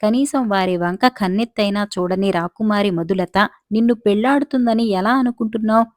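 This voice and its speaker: A woman's voice: mid-range voice, no room sound, close to an everyday voice. A woman reads the part of a fretful old servant father, chiding his son in an exasperated voice. The sound is dry and close, with no room around it. It is a storybook telling. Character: worried older male royal servant, scolding father.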